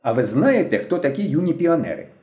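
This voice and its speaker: A brisk, commanding young pioneer girl leader, as a male narrator raises his voice to play her. Her lines lift high and swing a lot, with a mellow tone in a roomy audiobook recording. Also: big pitch swings. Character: stern, cheerful young female pioneer leader. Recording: roomy echo.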